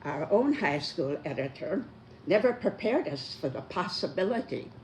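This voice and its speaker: A very old person in their nineties giving a prepared talk in a deliberate, emphatic elderly manner. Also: medium pitch, sing-song, slight background noise, low-quality recording. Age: 90s.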